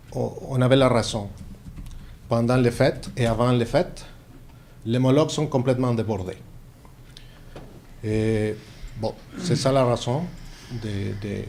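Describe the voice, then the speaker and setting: A man who is not a native French speaker, with a foreign accent in French, addressing a city council as a resident in halting, hesitant phrases. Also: mid-range voice, a little mellow. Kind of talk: public statement at a council meeting. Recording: faint noise, live meeting room.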